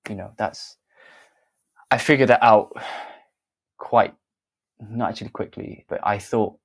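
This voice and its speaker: A young dancer and theatre maker from Britain speaks in a low, breathy-edged voice with a British English accent, answering interview questions at a measured pace. He reflects candidly on his work through storytelling, often stopping to correct himself and adding small fillers.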